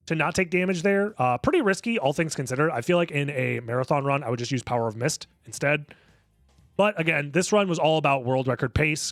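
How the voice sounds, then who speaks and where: Male speedrunner, slightly high voice, casual analytical walkthrough style, dry room, faint music underneath. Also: fairly bright tone, no room sound. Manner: analytical, step-by-step explaining. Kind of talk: casual explanatory speedrun commentary.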